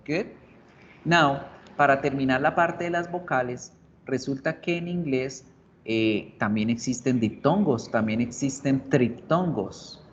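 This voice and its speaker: A man teaches English pronunciation in an online class. He explains patiently and drills each word again and again. The recording sounds a little dull, with a faint hiss underneath. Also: medium pitch. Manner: explains slowly, repeats words over and over for drilling.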